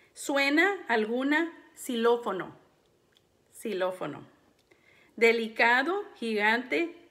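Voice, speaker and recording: A woman teacher leads a phonics drill for young children. Her voice sits somewhat high and she speaks slowly, stretching each word into clear syllables for the class to repeat. She clears her throat now and then between instructions. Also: fairly bright tone. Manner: slow, deliberate, syllable-by-syllable delivery.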